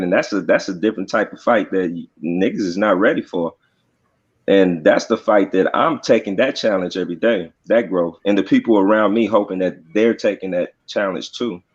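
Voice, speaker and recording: A man's voice: low voice, lo-fi sound. A man guesting on a podcast, talking in a laid-back, profane way with lots of fillers. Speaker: rapper guest. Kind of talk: casual podcast interview.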